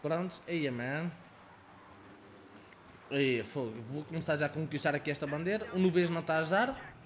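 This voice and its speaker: A young man with a European Portuguese accent giving excitable, profane commentary over his own gameplay, taunting other players. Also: fairly high pitch, normal speed, a little hiss or hum. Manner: excitable, swearing, taunting players, swings between shouting and muttering. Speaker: gaming channel host.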